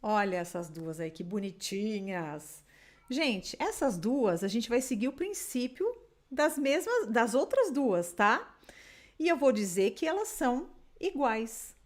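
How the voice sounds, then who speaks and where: A woman from Brazil teaching an English lesson in Portuguese, patiently drilling words slowly for the listener to repeat. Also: a little high, very animated. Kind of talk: online language lesson.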